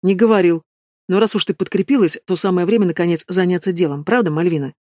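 A man voicing a cold, menacing male bandit boss in an audiobook, mocking and low-voiced. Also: fast, a little mellow, no echo, studio quality, close to an everyday voice. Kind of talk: audiobook reading.

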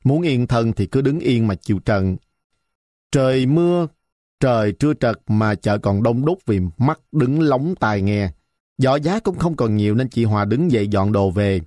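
Brief: male storyteller, mid pitch, dry close-miked read. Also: expressive, unhurried, warm tone, dry recording. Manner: vivid, colloquial storytelling. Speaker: narrator. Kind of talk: storytelling narration.

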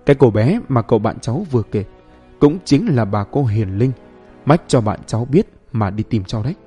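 Male narrator doing an old woman healer, slow and commanding. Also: medium pitch, lively intonation, mellow, slightly rough, faint music behind. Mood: gentle.

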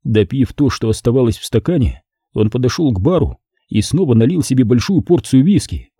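A man reads an audiobook with a dark, husky voice, his pitch rising and falling a lot. The sound is dry and close, with no room around it. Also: fairly quick, no room sound. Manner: lively, expressive reading. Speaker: audiobook narrator. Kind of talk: scripted narration.

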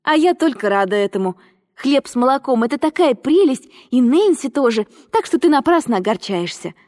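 An eager little girl, bubbly and breathless, as a woman reader puts her on. Her voice sits high and stays mellow rather than bright, and the storybook reading rings with a long reverb. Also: sing-song, fairly quick. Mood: excited.

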